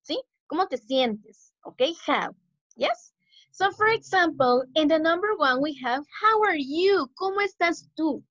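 A woman teaching English to young children over a video call, speaking slowly and clearly, repeating words and praising her pupils. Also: high voice, animated, a bit bright, no echo. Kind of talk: bilingual online class for young children. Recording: dull video call audio.

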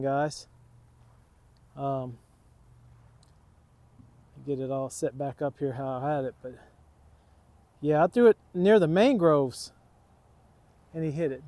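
This fishing channel host, a middle-aged man, has a dark-toned voice on the high side, recorded without room sound. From a waterfront dock he talks casually to his audience, calling them "guys." A tripod camera captures him, sometimes held selfie-style instead.

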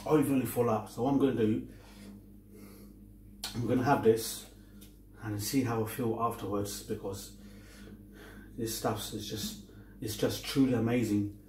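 Slow-talking man chatting while crunching chips. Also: fairly low pitch, steady tone, a little mellow. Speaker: mukbang vlogger. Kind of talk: casual eating-show chat. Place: small domestic kitchen-dining room, indoors. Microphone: camera across the table. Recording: roomy, distant mic, faint noise.

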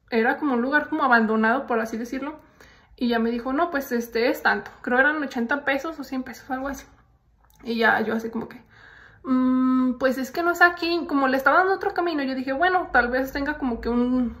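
A young Mexican woman vlogger with a Mexican accent chats casually with her followers, telling stories and laughing often. Her voice is high-pitched and fairly bright.

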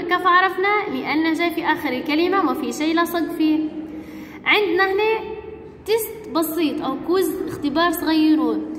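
A woman teaching young children the alphabet, speaking slowly and patiently and repeating each word. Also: very high voice, a bit bright, slight background noise. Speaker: kindergarten teacher. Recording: echoey room with long reverb.

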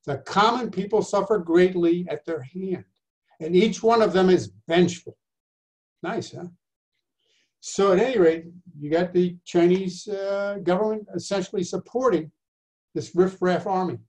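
An older man teaches over a video call, his voice sitting a little high for a man. He is chatty and wry, asking rhetorical questions and tossing in dry asides as he walks through his notes. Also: measured pace, a little mellow. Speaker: instructor. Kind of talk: lifelong learning history lecture over video call.

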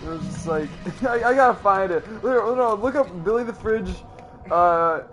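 A young man giving casual, slangy gameplay commentary, excitable and full of playful mock bravado. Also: high voice, normal speed. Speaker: let's play gamer. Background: video game music and sounds.

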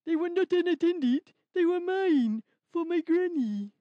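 A woman's voice: extremely high pitch, lively intonation, a little slow, warm tone, dry recording. A woman voicing a cheerful, earnest young male rabbit in a children's puppet story, speaking in simple, careful sentences. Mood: upset. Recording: slightly dull lo-fi sound.

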